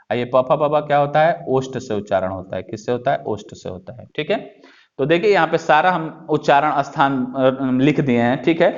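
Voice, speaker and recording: A man teaching a lesson in a classroom style, asking questions and then answering them himself. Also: a little high. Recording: dull lo-fi sound.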